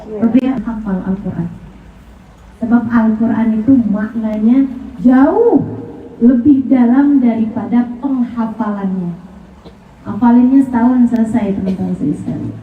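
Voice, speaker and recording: A woman's voice: a little high, a little slow, slight background noise. A woman preacher giving a sermon, telling her own stories and acting out the dialogue with her husband. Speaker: ustazah, Islamic preacher. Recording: echoey distant mic, lo-fi phone-like sound.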